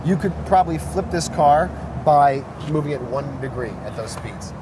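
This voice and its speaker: A man chats casually as a guest about his car, rambling through explanations full of fillers. His voice is a little high with lively intonation and a moderate pace, recorded on a noisy outdoor street.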